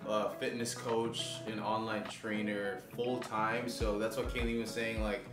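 A young man raised in Los Angeles, chatting casually in a vlog with a relaxed, rambling manner full of fillers. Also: on the low side, measured pace. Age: young adult. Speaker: vlogger, aspiring fitness coach. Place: living room indoors. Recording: roomy and distant with music.

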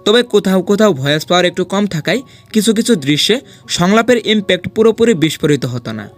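A man's voice: high voice, expressive, fast, soft background music. A man hosting a film ranking video, reading a scripted voice-over in a dramatic, persuasive countdown style.

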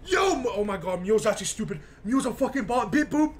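A live streamer giving excited reaction commentary, yelling, laughing and swearing in bursts. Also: medium pitch, quick pace. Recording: steady background noise.

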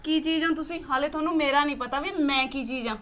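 A woman playing a defiant, shrill young wife. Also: steady tone, fast talker, fairly bright tone. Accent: Punjabi. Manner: shrill, defiant back-talk. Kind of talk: Punjabi web series acting.

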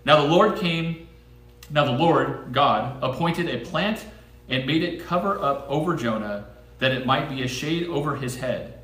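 A man's voice: a little high, expressive, measured pace, fairly bright tone. A man preaching a casual, conversational sermon, reading Bible verses aloud, joking and asking the congregation questions. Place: church sanctuary. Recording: roomy church recording from a distance.

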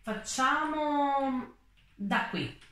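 A young woman who writes novels chats with her viewers in a lively, animated way, speaking indoors at home. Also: high voice, extremely slow. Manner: chatty, animated, exasperated. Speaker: novelist vlogger. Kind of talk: casual vlog chat. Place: indoors, living room at home. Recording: echoey room.

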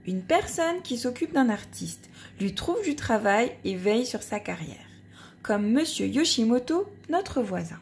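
A woman's voice: a little high, sing-song, a little slow, creaky, a little mellow, slight background noise, full character voice. A woman voicing a fretful mother in a storybook, exasperated and explaining to her child. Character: fretful mother of a young trumpet.

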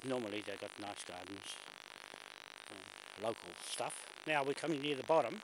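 An older man, out of breath and chatting as he films a walk down a bush stairway, often clearing his throat. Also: on the low side, expressive, moderate pace. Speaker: vlogger filming a walk. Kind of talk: casual walking commentary. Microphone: handheld camera mic. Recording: loud hissy camcorder audio.

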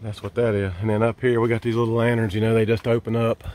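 A man's voice: fairly low pitch, little pitch movement, fast, a little mellow. A man giving a casual, folksy walkthrough of his campsite and tent, filmed on a handheld camera as he walks. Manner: easygoing, folksy, hesitant with fillers. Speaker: vlogger giving a campsite tour. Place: campsite outdoors and inside a large tent. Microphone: handheld camera mic, filming himself walking.

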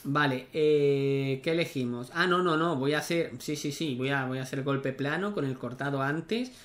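A young man streams himself playing a tennis video game, chatting casually, thinking out loud and cursing when he misses. His voice sits in the mid range, with a moderate pace and a fairly bright tone.

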